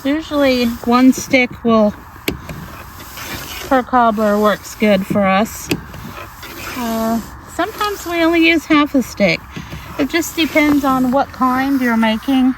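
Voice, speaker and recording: Woman, middle-aged, Arkansas Southern accent, higher pitch, casual folksy cooking demo, outdoor background noise. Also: a little slow. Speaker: outdoor cooking vlog host. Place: outdoors in snowy cold. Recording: noisy outdoor camera audio.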